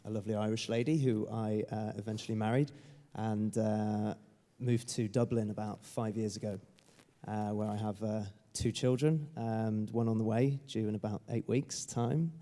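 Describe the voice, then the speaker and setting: A man's voice: fairly low pitch, steady tone, moderate pace, dark tone. A man introducing himself on a conference panel, hesitant with many uhs. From England. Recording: long hall reverb.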